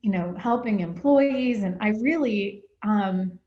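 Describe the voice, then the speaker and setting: A woman's voice: medium pitch, takes it slowly, reverberant, highs cut off. A woman hosting an interview, talking in an earnest, reflective way. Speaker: host. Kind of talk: conversational interview.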